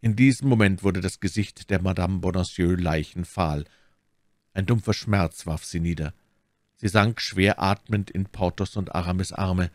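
A man narrating a classic novel as an audiobook, measured and expressive. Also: deep voice, no room sound, studio quality. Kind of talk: dramatic audiobook reading.

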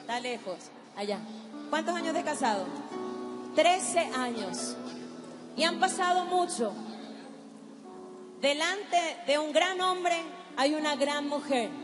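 A woman gives an emphatic testimony and prayer to a live audience, slowing her words for effect. Her voice sits high. The sound carries the long reverb of a large hall, with music playing clearly behind her. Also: animated. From Paraguay. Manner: emphatic, directs the crowd, slows for dramatic effect. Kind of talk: testimony and prayer preaching at a youth event.

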